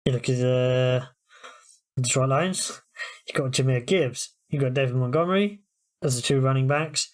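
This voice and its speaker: A British man on a sports podcast talks in a relaxed, chatty way. His pitch sits in the middle range, and he drifts easily into telling stories. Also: normal speed. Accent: British English. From United Kingdom. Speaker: podcast co-host. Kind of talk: casual sports chat.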